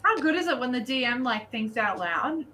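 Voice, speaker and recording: An Australian woman playing a tabletop game, teasing the others in quick banter. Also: fairly high pitch, expressive, pushed and bright. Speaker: player. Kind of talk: casual chat during a tabletop game.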